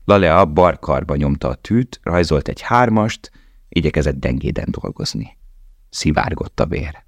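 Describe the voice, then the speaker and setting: Very deep-voiced male narrator. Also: lively intonation, creaky, no room sound. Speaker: audiobook narrator. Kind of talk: scripted narration.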